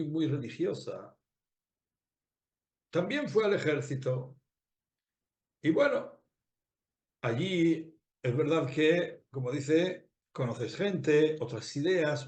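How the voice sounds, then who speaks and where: A man, a rabbi, telling a moral story in a sermon, animated, with repeated phrases and rhetorical questions put to his listeners. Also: on the high side, takes it slowly, echoey room.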